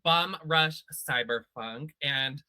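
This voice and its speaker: A man's voice: on the high side, slow pace, bright, forceful tone, smooth, no room sound. A man hosting a casual panel chat about games, talking in a chatty, slangy way with playful asides.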